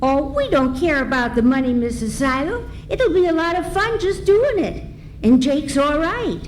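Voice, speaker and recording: A woman's voice: high voice, very animated, moderate pace, low-quality recording. A woman playing an eager, wholesome young orphan girl in an old-time radio serial, earnest and folksy. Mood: earnest, cheerful. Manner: folksy, earnest, chipper exclamations. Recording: faint background noise, live event.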